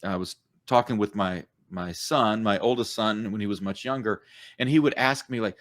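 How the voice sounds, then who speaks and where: A man's voice: on the low side, moderate pace, fairly bright tone. A middle-aged man co-hosting a church podcast, explaining ideas in a thoughtful, conversational way. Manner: thoughtful, explanatory, with many fillers. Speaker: podcast co-host, church coach. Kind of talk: casual podcast chat.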